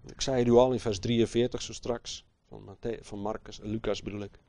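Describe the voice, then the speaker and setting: A man with a voice on the low side preaches passionately, yet his delivery is flat. He alternates hushed, slow lines with loud, emphatic ones and questions his listeners rhetorically, all with no echo in the recording.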